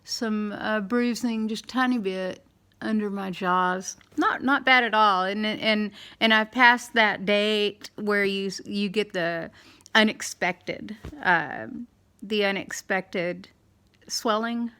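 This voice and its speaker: A middle-aged woman with a slight lisp, talking candidly in a halting, rambling way as in a casual video diary. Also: mid-range voice, steady tone, bright, forceful tone, smooth. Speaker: dental implant patient vlogger.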